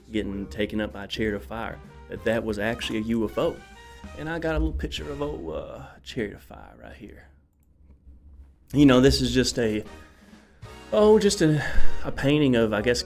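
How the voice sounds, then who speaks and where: Dude hosting a midday talk show solo, kinda breathless and coughy, rambles a lot, faint music behind. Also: male voice, on the low side, gravelly. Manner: energetic, rambling, many fillers and exclamations.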